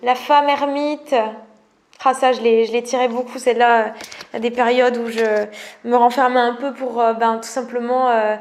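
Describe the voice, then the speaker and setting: A woman's voice: a little high, steady tone, normal speed. A French woman, a wellness coach chatting casually to camera, enthusiastic and gushing, often laughing. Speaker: wellness coach presenting oracle cards.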